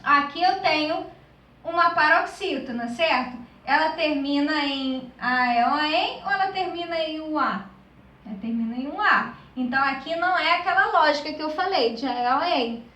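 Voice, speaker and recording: A woman's voice: sits high, normal speed, bright, forceful tone. A woman teacher from Brazil explaining a grammar lesson, checking in with her class through constant tag questions. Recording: echoey room, voice a bit far from mic.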